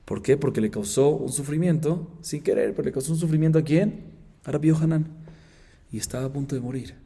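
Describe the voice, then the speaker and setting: A man teaching a Talmud class as a rabbi, telling the story with lively repetition and questions to his students. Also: on the high side, fairly quick, creaky, slightly rough. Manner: animated storyteller, asks students rhetorical questions; repeats phrases for emphasis. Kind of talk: Talmud class, reading Aramaic and explaining.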